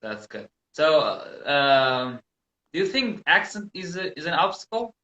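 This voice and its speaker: Bright-voiced Kurdish-accented man, echoey room. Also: on the high side, very animated, unhurried, dull audio. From southern Kurdistan. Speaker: interviewer, English-teaching host. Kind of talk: casual interview on language learning.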